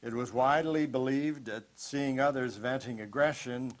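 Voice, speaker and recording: A man speaks in a measured, academic way about research findings. His voice sits at a middling pitch, and the clip is played from archive documentary footage. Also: crowd noise.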